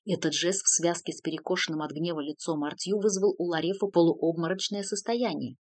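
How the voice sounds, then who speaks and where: A woman narrating an audiobook with a lively, expressive reading. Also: lowish voice, fairly quick, dry recording. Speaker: audiobook reader.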